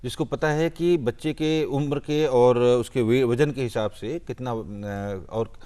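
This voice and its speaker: Man, doctor guest, mid-pitched, halting explanatory delivery. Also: steady tone, warm tone. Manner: explanatory, hesitant fillers. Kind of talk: studio health advice.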